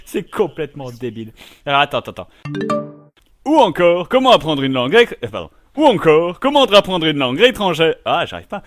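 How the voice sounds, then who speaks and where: A man recording comedy show bloopers, stumbling over his lines, giggling and swearing, with sudden shouts. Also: fairly high pitch, sing-song, a little fast, faint music behind.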